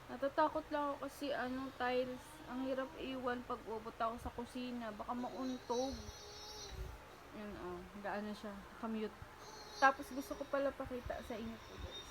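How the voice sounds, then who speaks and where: Chatty woman with a high voice. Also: fairly even intonation, moderate pace, background noise. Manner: playful baby talk with her toddler. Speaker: vlogger mother. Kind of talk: casual home vlog. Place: home with tiled floors.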